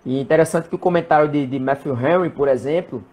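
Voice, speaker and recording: A man, a presbyter and guest, talking in a measured, hesitant way in a casual live chat about the Bible. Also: on the high side, a little mellow.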